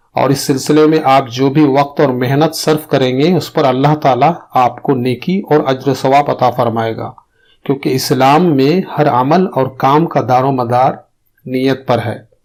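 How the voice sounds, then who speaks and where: A man in a steady, mid-pitched voice gives a Quran pronunciation lesson. He moves at a measured pace, stopping to sound out single letters and say them again so learners can copy him. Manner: patient, repeats letter sounds slowly for learners. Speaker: Tajweed teacher.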